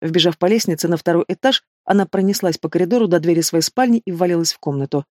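An expressive audiobook reader narrating a fantasy story, with a mid-range pitch. The recording is dry and close, with no room sound. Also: fast talker, no echo. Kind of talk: scripted narration.

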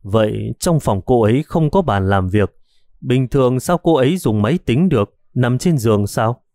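A man's voice: medium pitch, lively intonation, normal speed, mellow, dry recording, natural voice. A man doing a pushy, urgent police detective. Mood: curious. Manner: urgent, insistent questioning. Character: agitated young male police detective, pushy.

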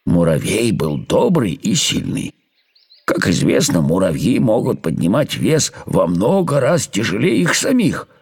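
A man narrating a children's storybook slowly and expressively. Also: on the low side, vocal fry, breathy edge. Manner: slow and expressive. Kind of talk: storybook reading.

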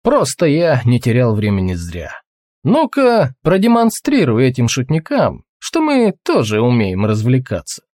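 A man's voice: medium pitch, wildly swooping pitch, a little slow, darkish tone, no room sound, studio quality. A man voicing a seasoned male hunter in a storybook reading, with a laconic, teasing delivery. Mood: wry.

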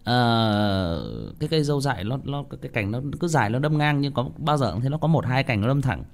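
Man, casual ghost story telling, rambling with restarts, talks right to listeners, expressive rising and falling pitch. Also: quick pace, gravelly. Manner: rambling, many restarts and repeated words, addresses listeners directly.

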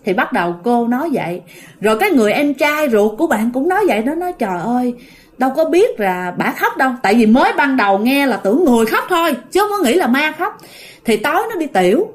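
A woman's voice: sits high, fast talker. A woman telling a ghost story in a chatty, casual way, often talking straight to her listeners. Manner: chatty, addresses listeners directly, animated when telling scary parts.

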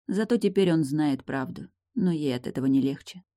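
A narrator reading an audiobook in a measured, even way. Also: mid-range voice, no room sound, clean studio sound. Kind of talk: scripted narration.

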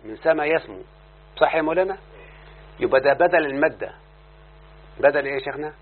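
In a classroom lesson, a man with an Egyptian Arabic accent speaks quickly and animatedly in a slightly high voice, constantly quizzing his listeners and prompting them to answer. The recording is tinny and lo-fi, with a faint hum.

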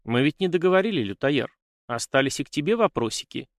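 A man voicing a sharp-tongued warrior girl. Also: a little high, expressive, quick pace, dry recording, studio quality, pitched above the performer's own voice. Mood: teasing. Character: bold young warrior woman, sharp-tongued.

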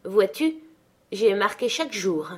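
A woman reading aloud, voicing a rough, jealous young man who speaks in an insistent, agitated way. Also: medium pitch, big pitch swings, a little slow.

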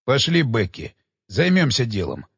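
A man reading an audiobook, voicing a blunt, terse male police inspector who speaks in a lowered voice. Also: wildly swooping pitch, a little slow, gravelly, slightly rough, no echo, big-room sound, heavily acted. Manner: terse, sharp, dismissive.

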